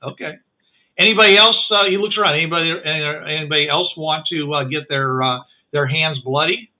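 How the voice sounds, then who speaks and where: A man running a tabletop game as game master, narrating in a halting way with many restarts. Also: a little high, steady tone. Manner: halting, full of restarts and fillers. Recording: phone-like online call.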